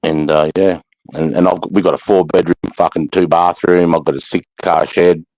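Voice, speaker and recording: A man with an Australasian accent hosts a live chat, talking casually in a blokey, slangy style and swearing freely. His voice is deep and a little mellow, with flat delivery at normal speed, and the recording is dull and lo-fi with no room sound.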